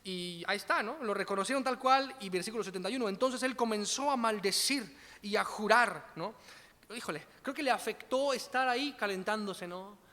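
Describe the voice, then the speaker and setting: A man's voice: high voice, a little fast, sharp tone, in a large hall. A man preaching a casual, chatty sermon, full of slang and tag questions. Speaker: pastor.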